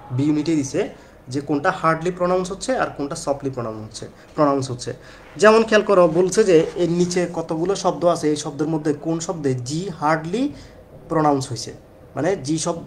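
Guy tutoring for admission tests, talks fast and chatty, keeps repeating himself, bit of background noise. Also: a little high. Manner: chatty, repeats points, addresses students directly. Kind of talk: casual exam-prep lecture.

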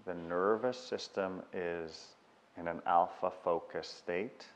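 With a very low, steady voice, a man leads a guided meditation at a very slow pace, measuring out each instruction and leaving long pauses. A long reverb lingers on his voice.

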